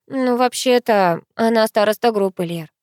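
A woman reading an audiobook, voicing a young female student who is a hesitant, soft-hearted friend. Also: a little high, moderate pace, dry recording, studio quality, lightly acted. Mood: reasonable. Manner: sighing, hesitant, placating.

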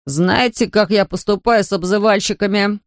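A surly, rude young boy who drawls his threats, as a woman reading a storybook puts him on. His voice stays in a middle pitch, coarse and slow, recorded close and dry. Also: no room sound, close to an everyday voice. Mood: threatening.

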